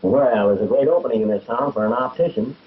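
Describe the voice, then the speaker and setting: A male actor plays a smooth-talking, flirtatious medicine-show pitchman in an early talkie film. His patter is grandiose and his voice fairly high for a man. The 1930 soundtrack is dull and thick with noise. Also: quick pace, natural voice.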